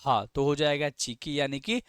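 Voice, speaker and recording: Clear-voiced male vocabulary teacher. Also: on the high side, moderate pace, fairly bright tone, no room sound, clean studio sound. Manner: repeats questions to students and answers for them. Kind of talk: exam vocabulary lesson.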